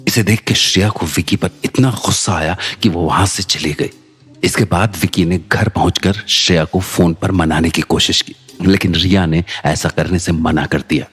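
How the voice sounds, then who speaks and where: A man narrating a story in a steady, scripted way. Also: low voice, normal speed, husky, soft background music.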